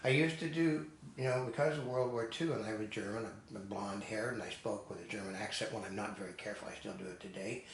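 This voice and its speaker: A man's voice: fairly low pitch, quick pace, hardly any pauses. Older man telling rambling stories, echoey room. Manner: digressive storyteller, firm opinions. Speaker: co-host. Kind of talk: casual discussion. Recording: echoey room with faint noise.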